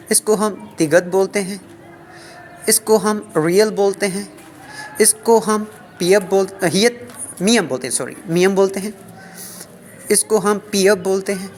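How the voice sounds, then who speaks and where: A man with a Pakistani Urdu accent giving a casual lesson, writing on a board while he talks. He counts aloud and repeats each letter name slowly. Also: on the high side, a little hiss or hum. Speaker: language teacher.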